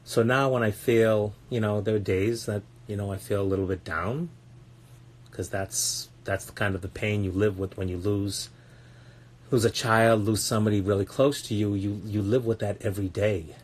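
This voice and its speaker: A man's voice: on the low side, fairly even intonation, moderate pace, darkish tone. A man talking as a parenting coach on a casual podcast, blunt and earnest, swearing often and repeating words as he searches for them.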